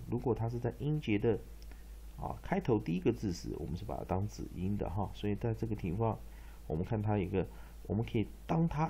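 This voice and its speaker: A man teaching English pronunciation, spelling out letters and repeating words to drill them, often ending phrases with a soft "ha". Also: mid-range voice, vocal fry, breathy edge. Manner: tags phrases with a soft "ha" particle. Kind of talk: pronunciation lesson.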